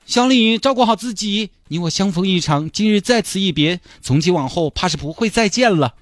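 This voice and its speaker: A man with a Sichuanese accent voicing an excitable, soft-hearted man who gushes and wheedles for a dolphin's life. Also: fairly quick, no echo. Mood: tender. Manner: shrill, gushing, wheedling.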